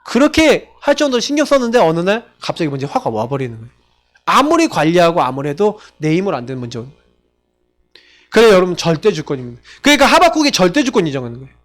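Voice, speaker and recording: High-voiced animated male pastor preaching. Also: fast talker. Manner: animated, asks the congregation rhetorical questions. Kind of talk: sermon. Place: church.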